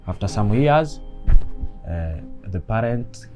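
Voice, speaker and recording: Slow, halting young man from Congo. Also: lowish voice, animated, music in the background. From eastern Congo. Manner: halting, searching for words. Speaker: refugee interviewee. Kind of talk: documentary interview.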